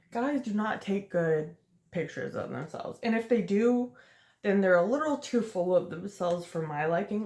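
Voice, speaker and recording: A vlogger in her late twenties chats casually to the camera while doing her makeup in a rambling get-ready-with-me video, laughing often. Her voice is lowish and darkish in tone, and the recording sounds roomy.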